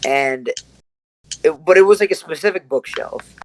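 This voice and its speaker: Halting young man telling a story. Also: fairly high pitch, low-quality recording. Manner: halting, restarts a lot. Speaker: podcast guest. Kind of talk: casual storytelling.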